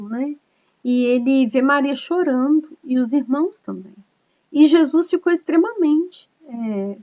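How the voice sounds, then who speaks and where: A woman pastor preaches to a small online group in an earnest, chatty way, checking in with listeners as she goes. Her voice sits high. The sound is dull and lo-fi, like a home video call. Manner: earnest, conversational preaching with frequent tag questions. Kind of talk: online cell group sermon.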